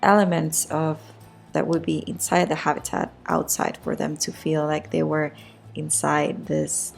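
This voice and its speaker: A woman with a raspy voice giving casual, hesitant voice-over commentary on a video game build, often rewording as she goes. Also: low-pitched, level tone, measured pace. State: raspy voice today. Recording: music behind the voice. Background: background music.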